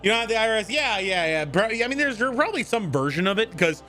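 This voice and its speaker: A man's voice: high-pitched, fast talker, faint music behind. A man streaming live, chatting casually and jokily with viewers and greeting them by name. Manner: animated, jokey, greets chat members by name.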